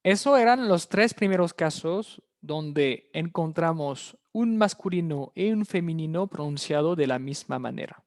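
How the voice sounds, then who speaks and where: Slow, patient French teacher, dry sound. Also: mid-range voice, expressive, darkish tone, no room sound. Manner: explains step by step, often checking in with "¿ok?"; repeats key words slowly for pronunciation. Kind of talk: online language lesson.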